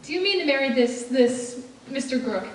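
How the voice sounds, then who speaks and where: A woman's voice: high-pitched, lively intonation, normal speed. A young woman playing a haughty, scolding rich old aunt in a stage play, with the imperious manner of an old tycoon. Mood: indignant, threatening. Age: teenage or young adult performer. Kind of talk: high school stage play acting. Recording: echoey stage, distant mic, noisy.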